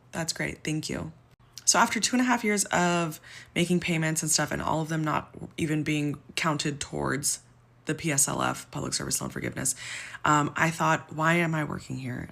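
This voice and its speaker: Low-voiced frustrated woman venting. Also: creaky, a bit bright. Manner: frustrated, exasperated, near tears. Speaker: social media poster. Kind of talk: personal complaint vlog.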